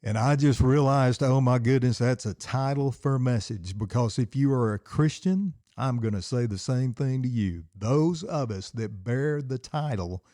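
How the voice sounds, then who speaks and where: A middle-aged man talks alone into the mic in his basement, working himself up like a pastor in the pulpit. His voice is warm and low in color, recorded close and dry with no room sound. He hammers points home with repeated, emphatic phrases. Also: normal speed, hardly any pauses, dry recording. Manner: fired-up, emphatic, preacherly repetition. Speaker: podcast host and pastor. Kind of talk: solo podcast with preaching.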